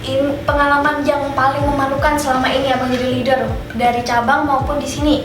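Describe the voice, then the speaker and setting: A woman's voice: high voice, flat delivery, brisk, distant mic. A woman in her late twenties hosting a casual interview, playful and teasing, laughing a lot. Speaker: host. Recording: roomy echo from off-mic with background music.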